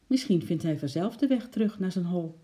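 A storyteller voicing a calm, kind father in a read-aloud children's storybook, speaking in a measured, soft manner. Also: medium pitch, natural voice. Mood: thoughtful.

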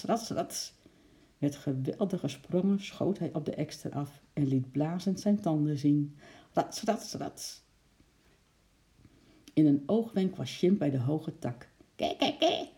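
A woman narrates a children's story with a lively, expressive delivery. Her tone is very dark and mellow, never bright or sharp. She keeps stopping to pose suspenseful questions to the listener. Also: low-pitched. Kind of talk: reading a children's story aloud.

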